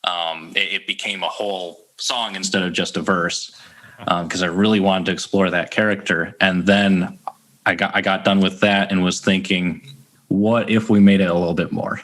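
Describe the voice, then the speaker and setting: A man's voice: low voice, fairly even intonation, fairly bright tone. A man who writes songs, talking in a casual interview with frequent restarts and fillers. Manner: halting, many restarts and fillers. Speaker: songwriter guest.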